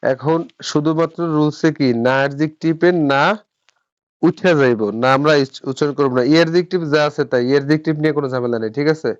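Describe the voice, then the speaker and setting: A Japanese language teacher runs a live online grammar lesson, speaking quickly in a fairly high voice. He is patient, repeats terms and quizzes his students, and the audio is dull with no room sound.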